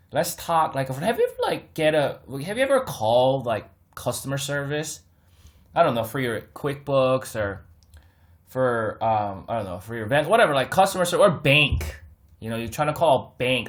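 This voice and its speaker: A man hosting his own market commentary, talking casually and with lots of energy, as if chatting with friends, laughing and mocking others. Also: medium pitch. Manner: animated, talks to viewers like friends, laughs, mocks others. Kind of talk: casual unscripted market talk to camera.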